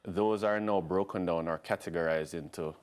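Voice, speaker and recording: This is a man with a very deep, low voice, speaking as a doctor in a TV studio. He explains things calmly and patiently, often starting over with "so". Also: moderate pace. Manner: calm, explanatory, often restarts with "so". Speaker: gynaecologist guest. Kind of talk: studio interview explaining health.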